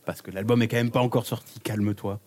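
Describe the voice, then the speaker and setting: A young host with a low voice runs a friendly chat. He teases his friends drily and moves the talk along. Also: fairly even intonation, fast talker, a little mellow. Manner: dry, teasing, hands the turn to each guest. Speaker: podcast host. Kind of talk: casual chat.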